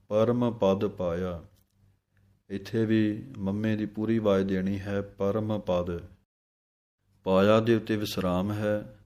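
Low, mellow-voiced man teaching recitation. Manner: alternates slow chanted recitation with quicker spoken explanation. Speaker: scripture pronunciation teacher. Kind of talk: recitation lesson.

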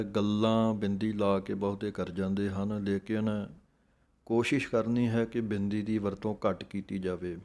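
A man teaching scripture recitation, chanting verses slowly and then calmly explaining how each word should be pronounced. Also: fairly low pitch. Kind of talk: slow recitation lesson with pronunciation corrections.

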